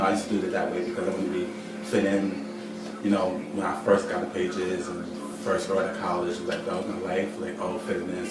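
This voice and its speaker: A man in his twenties talking casually in a documentary interview, often saying "you know". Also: deep voice. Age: 20s. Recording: roomy, distant, music underneath.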